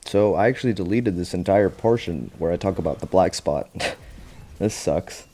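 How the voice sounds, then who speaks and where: A young man with a deep, low voice talks through a show recap in a casual vlog. He is slangy and profane and keeps breaking into laughter. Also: normal speed, warm tone, husky. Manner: slangy, swearing, laughs a lot.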